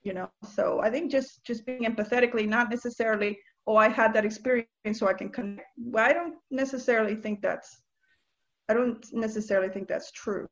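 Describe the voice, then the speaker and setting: A woman's voice: a little high, muffled recording. A woman from Nicaragua speaking as an interview guest, earnest and reflective, often restarting her sentences as she talks about faith. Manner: earnest, halting, with many restarts and soft laughs. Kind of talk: reflective spiritual conversation.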